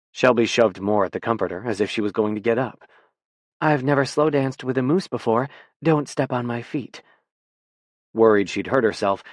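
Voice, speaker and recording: A man reading an audiobook in a measured, even scripted narration. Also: medium pitch, no room sound, studio quality.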